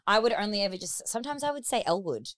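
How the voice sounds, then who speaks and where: A woman's voice: mid-range voice, animated, quick pace, a bit bright. An Australian woman hosting a podcast in casual chat, speaking frankly with lots of fillers. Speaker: podcast host.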